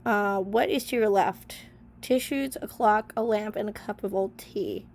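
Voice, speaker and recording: A woman's voice: mid-range voice, unhurried, darkish tone, slight background noise. A young woman vlogger with a sick, stuffy voice, chatting casually as she reads old journal answers aloud and comments on each one with lots of fillers. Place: small bedroom in an apartment.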